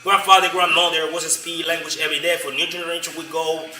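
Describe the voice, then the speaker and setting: A man from Colombia with a Colombian Spanish accent, explaining his community's history as a local guide in halting, repetitive English. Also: fairly high pitch, flat delivery. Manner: halting non-native English, repetitive, frequent "you know?". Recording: roomy, distant from the mic, faint noise.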